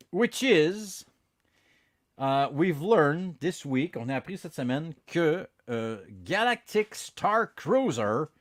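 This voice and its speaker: A man with a Quebec French accent, a native French speaker, hosting a casual bilingual podcast and switching between English and French in an animated, hesitant way. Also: fairly high pitch, no room sound, studio quality. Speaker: podcast host.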